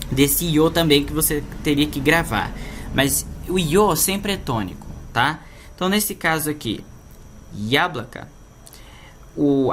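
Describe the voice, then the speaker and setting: A man's voice: on the high side, fairly bright tone, a little hiss or hum. A man with a Brazilian Portuguese accent, teaching a language lesson online and explaining patiently, often checking in with his listeners.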